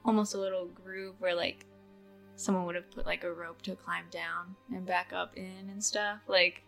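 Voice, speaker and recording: A woman's voice: fairly low pitch, flat delivery, moderate pace, gravelly, fairly bright tone, faint music behind. A woman narrating a tabletop game as game master, casual and full of "like" fillers. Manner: casual, laughing, many "like" fillers.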